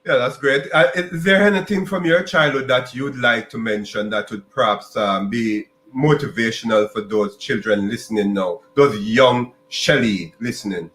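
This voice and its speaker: A man's voice: mid-range voice, fairly bright tone. Man interviewing, roomy sound. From Jamaica. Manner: halting, many restarts and repeated words. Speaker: podcast host. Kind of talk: podcast interview.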